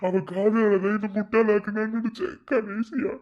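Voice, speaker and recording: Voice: medium pitch, level tone, moderate pace, darkish tone, highs cut off, close to an everyday voice. A performer voicing a heartbroken father in a cartoon, tearful and pleading. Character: heartbroken father, weeping and bitter. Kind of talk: animated cartoon voice acting.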